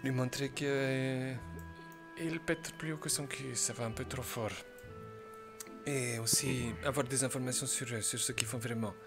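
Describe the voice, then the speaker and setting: A man role-playing a mafia boss in a game, giving calm, commanding orders and laying out plans step by step with a put-on Italian accent. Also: mid-range voice, normal speed, vocal fry, over music. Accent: fake Italian accent. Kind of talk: in-character game role-play.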